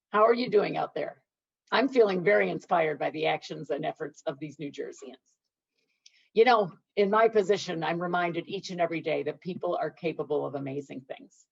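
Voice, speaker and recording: A woman's voice: lowish voice, gravelly, muffled recording. A woman hosting a virtual event who gives a polished, upbeat scripted address to the audience. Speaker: event host.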